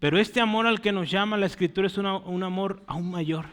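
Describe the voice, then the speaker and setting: A man's voice: sits high, a little fast, fairly bright tone, smooth. A man preaching a teaching sermon at a board, in a conversational way that keeps checking with his listeners. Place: church hall. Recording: long reverb of a church hall.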